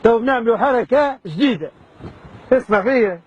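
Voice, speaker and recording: Fast-talking prankster with a very high voice. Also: male voice, expressive, muffled recording, slight background noise. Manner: repeats reassurances. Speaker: hidden camera prankster. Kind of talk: coaxing, then apologetic.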